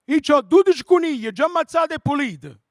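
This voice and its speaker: Man doing a loud, stubborn caller. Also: very high-pitched, expressive, quick pace, no echo, studio quality, pitched above the performer's own voice. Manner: loud, stubborn, talks over objections. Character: pushy older Italian caller, haggling.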